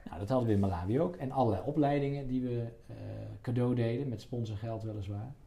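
A man's voice: mid-range voice, quick pace, mellow. A middle-aged man explaining things casually in conversation, often restarting phrases and repeating words. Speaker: interview guest, doctor.

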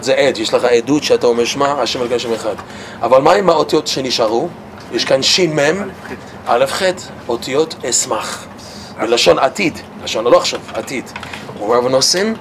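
Animated man teaching Torah, noisy recording. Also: medium pitch. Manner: animated, stammers and repeats words, laughs while telling stories.

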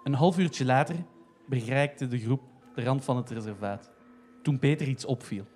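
A man narrating a comic story in a steady, even way. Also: medium pitch, normal speed, soft background music.

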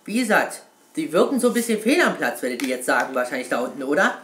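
A man hosting a casual gaming video, talking in a loose, rambling way and dropping casual swears. His voice sits fairly high and swings up and down a lot. The room around him gives back a clear echo. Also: very animated, fast talker, fairly bright tone, slight background noise. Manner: rambling, keeps calling viewers "Kunstfreunde", swears casually. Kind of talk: casual video reply on a video game.

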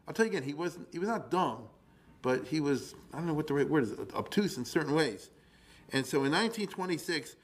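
Colloquial, rambling man giving a history lecture. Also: mid-range voice. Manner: colloquial, rambling, checks that listeners follow; acts out paraphrased quotes in plain colloquial speech. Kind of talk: informal illustrated history lecture to an audience.

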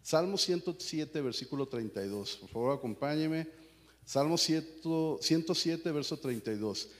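A man, preaching a sermon as the pastor of a church, at times rising to shouts. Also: on the high side, lively intonation, moderate pace, in a large hall. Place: church hall.

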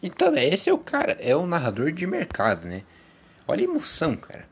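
A man's voice: a little high, fast, vocal fry, breathy edge. A young Brazilian man hosting a casual talk show, rambling between topics and jumping into mock narrator voices. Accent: Brazilian Portuguese. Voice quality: animated, jumps into loud mock narrating voices. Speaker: host of a casual talk program. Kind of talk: rambling casual chat with impressions.

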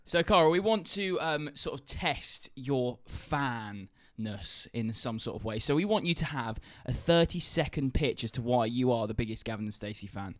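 Sweary bloke cohosting a podcast, bouncy animated voice, dead dry audio. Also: male voice, mid-range voice, moderate pace, few pauses, no echo. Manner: excitable, sweary British banter. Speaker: podcast co-host. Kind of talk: casual podcast chat.

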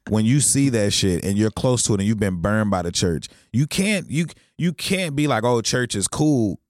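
An emphatic man with a fairly low voice speaks in a casual, opinionated style. His talk is slangy and peppered with swearing, and he pushes his points with rhetorical questions. The recording is close and dry. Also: expressive, normal speed, no echo. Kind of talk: casual chat, passionate opinion.

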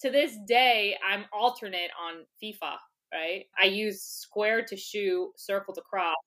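This woman's voice is mid-pitched and a bit bright, and she speaks at a measured pace. She's a former soccer player guesting on a podcast, a native English speaker who keeps the interview casual and chatty, full of laughter and filler words.

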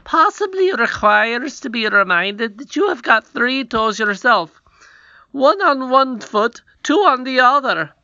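A sly goblin courtier, oily and deliberate, laying out each word with mock deference as a man acts him out. The tone is bright and close, dry on a dull, lo-fi recording. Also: very high voice, lively intonation, no echo, pitched above the performer's own voice, exaggerated voice. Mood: unctuous. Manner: unctuous, measured.

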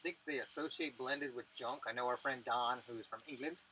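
Male podcast co-host, loose and profane, bright lively voice, faint noise behind. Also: mid-range voice, brisk, low-quality recording. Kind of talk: casual chat over drinks.

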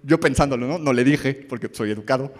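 A man's voice: mid-range voice, quick pace, in a large hall. A man from Mexico with a Mexican Spanish accent, preaching a casual, joking sermon full of stories and questions to the audience. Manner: storytelling, conversational, asks the audience questions.

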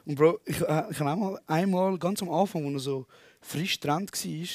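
Slightly high-voiced Swiss German young man. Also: normal speed, a little mellow, no room sound. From Switzerland. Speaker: podcast co-host. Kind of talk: live comedy podcast banter.

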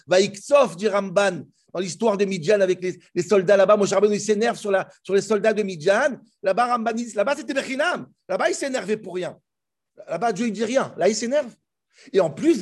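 Male Torah teacher, high and husky, animated and restless delivery. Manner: animated, often restarts and jumps in pitch. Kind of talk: Torah class explaining commentaries.

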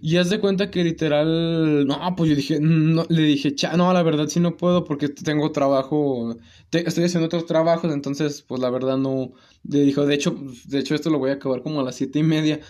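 A young man with a Mexican Spanish accent telling a story in casual chat, slangy and animated, laughing often. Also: fairly high pitch, brisk.

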